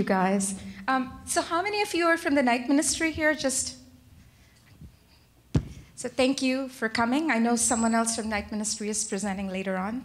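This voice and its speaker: A woman's voice: a little high, fairly bright tone. A woman in her thirties, an architect moderating a panel, presenting at a podium with friendly, filler-filled speech. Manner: friendly, many fillers, lists projects. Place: large conference hall. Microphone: podium microphone. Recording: echoey hall.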